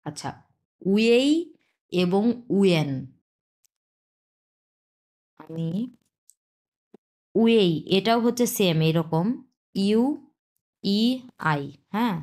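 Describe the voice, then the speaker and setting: A woman's voice: medium pitch, a little mellow. Woman teacher modeling pronunciation. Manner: repeats sounds slowly to model pronunciation; mixes English words into Bengali. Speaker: language teacher. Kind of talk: explanatory language lesson.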